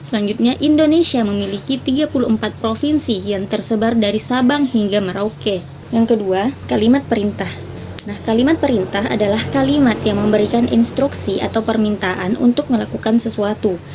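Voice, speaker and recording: A young woman presenting a class topic, reading her points in a steady list. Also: a little high, normal speed, background noise. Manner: steady listing of points, clears throat. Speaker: student presenter.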